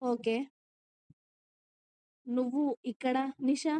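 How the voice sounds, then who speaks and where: A woman's voice: high-pitched, fairly even intonation, drawn-out words, dark tone. A woman voicing an arrogant, careless young husband who talks brusquely and teases, reading him in a storybook telling. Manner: brusque and teasing.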